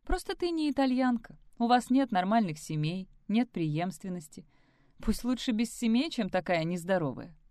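Woman voicing a hot-tempered young fiancée, sharp and heated, dry close sound. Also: mid-range voice, sing-song, normal speed, dry recording, close to an everyday voice.

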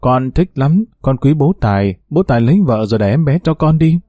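A man reading a storybook and voicing a frightened little girl in a high, whiny child voice. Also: expressive, fairly quick, warm tone, no room sound, clean studio sound, close to an everyday voice. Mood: happy.

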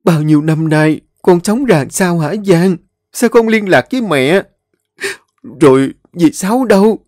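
A man voicing an emotional older mother, pleading in a high, raised voice. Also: lively intonation, measured pace, a little mellow, dry recording, clean studio sound. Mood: anxious.

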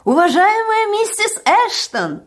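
A woman voicing a fat, fawning male official who speaks in a shrill, ingratiating, pleading way. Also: lively intonation, a little fast, a little mellow.

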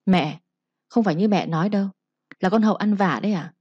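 A woman's voice: medium pitch, fairly quick, darkish tone, husky, no echo, muffled recording, lightly acted. A woman voicing a proud young wife who defends herself indignantly. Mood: protesting.

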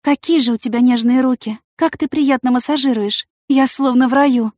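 A woman voicing an impulsive, excitable young heroine who talks emotionally and in rushes. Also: sits high, dry recording, clean studio sound, voice pushed up. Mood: delighted.

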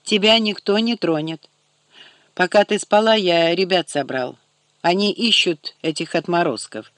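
A man reads as a blunt, slangy tough guy who is always in a hurry, his lines clipped and impatient. The voice sits a touch high for a man, and the recording is dry and close. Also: a little slow, fairly bright tone, dry recording. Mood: reassuring. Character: brisk gangster-like young man, blunt and busy.

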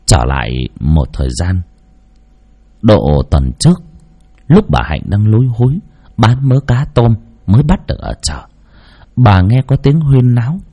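A man narrating a heartfelt village story in slow, scripted storytelling. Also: lowish voice, big pitch swings, mellow, slightly rough.

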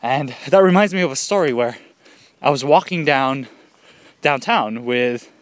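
A man's voice: mid-range voice, animated, measured pace, dry recording. A man casually telling a rambling story outdoors, laughing often and slightly out of breath. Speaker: vlogger. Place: outdoors, birds nearby.

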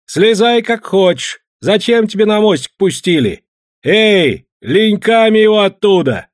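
A man voicing a rough male settler who shouts back gruffly in a husky voice. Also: mid-range voice, big pitch swings, measured pace, dry recording, clean studio sound, voice pushed up, full character voice. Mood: defiant shouting.

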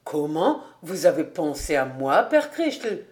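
A woman doing a hearty cheerful gentleman. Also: low voice, very animated, slow, heavily acted. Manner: hearty and exclaiming. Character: cheerful well-off man, eager and lively.

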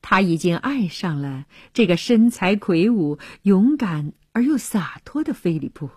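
A woman narrating a serialized radio story in an expressive storytelling manner, often dropping to a hushed voice. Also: on the low side, a little slow, husky, no room sound, studio quality.

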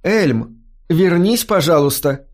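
A man voicing a gentle young female singer in an audiobook, pleading and then firm. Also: a little high, unhurried, close to an everyday voice. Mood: urgent pleading. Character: gentle young woman singer, later stern.

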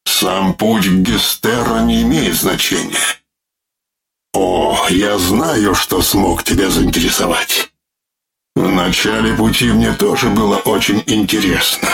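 A male narrator voicing a severed living head that speaks in a droning, metallic, gravelly voice, slow, pained and coldly mocking. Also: fairly even intonation, exaggerated voice. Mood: grim. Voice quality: droning metallic voice, lacking naturalness; gravelly, low. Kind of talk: audiobook character voice.

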